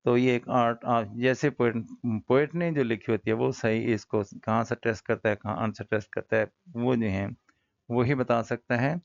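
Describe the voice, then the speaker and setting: A male teacher with a Pakistani accent, giving a casual poetry lesson that mixes Hindi-Urdu explanation with slow, careful reading of English lines. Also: mid-range voice, fairly even intonation, creaky, no echo. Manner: casual, addresses students as brother. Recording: dull lo-fi recording.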